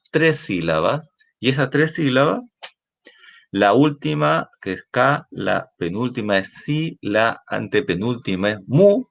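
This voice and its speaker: Male teacher with a deep, low voice. Explains patiently and keeps checking the class follows. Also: a bit bright. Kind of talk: classroom lesson.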